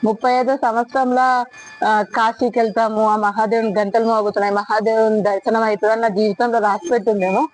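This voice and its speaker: A woman's voice: medium pitch, flat delivery, fast talker, faint music behind, low-quality recording. Fervent woman vlogger. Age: 30s. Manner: fervent, rambling and repetitive. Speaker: travel vlogger. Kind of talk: casual devotional travel vlog. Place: outdoors at a temple site at night.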